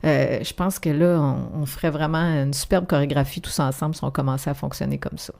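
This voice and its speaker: Her voice is low, a little mellow, and touched with vocal fry; she talks fairly quickly with fairly even intonation. She's an author being interviewed on the radio, speaking thoughtfully in a Québécois accent with lots of fillers and restarted sentences.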